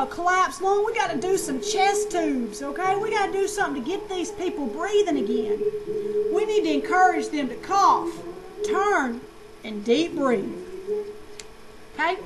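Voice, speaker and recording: A woman with a high, bright-sounding voice lectures a nursing class in a lively, slangy way. She fires questions at the students and answers them herself. The recording carries clear background noise. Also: moderate pace. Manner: animated, slangy, asks and answers own questions.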